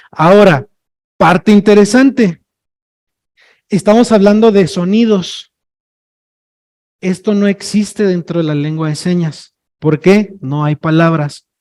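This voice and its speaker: The workshop lecture comes from a sign language trainer whose voice is high-pitched with a darkish tone. Chatty and fond of joking with the audience, he often checks in using "ok?" and "no?".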